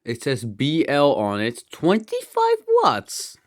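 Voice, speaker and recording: In a cluttered room at home, the host of a hobby electronics teardown video talks slowly in a slightly high voice with huge pitch swings. His throat sounds a little dry and strained as he rambles through casual hands-on commentary, thinking aloud with muttered asides and mild exclamations.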